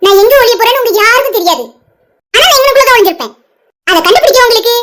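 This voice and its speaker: A stubborn, teasing old village grandmother from a cartoon, voiced by a woman. She speaks with a Tirunelveli Tamil accent in a very high, squeaky voice and chatters quickly. She never stops pestering the young ones. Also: animated, fairly bright tone, slight background noise.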